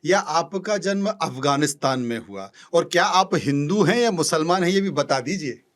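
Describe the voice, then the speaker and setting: A man's voice: a little high, animated, normal speed. A man interviewing a guest on a podcast, asking probing questions and giving frequent listening hums.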